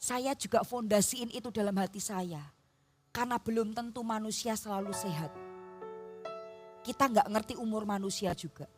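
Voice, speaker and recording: Seorang pendeta wanita berlogat Jawa menyampaikan khotbah di gereja sambil bercerita dengan ekspresif kepada jemaat. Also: female voice, medium pitch, moderate pace, faint music behind. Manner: expressive, storytelling, addresses the congregation. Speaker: pastor. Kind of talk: sermon. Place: church.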